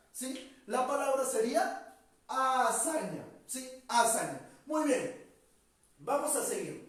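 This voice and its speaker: A male teacher giving a vocabulary lecture, stretching out key words for emphasis and ending sentences with quick tag questions. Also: very high-pitched. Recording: echoey room, distant mic.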